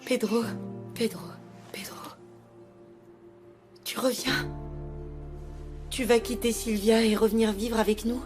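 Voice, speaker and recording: A woman's voice: a little high, steady tone, slow, long pauses, over music. An actress dubbing a distraught young mother who pleads with and soothes her baby in a telenovela. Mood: hopeful. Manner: pleading, tender. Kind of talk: dubbed telenovela acting.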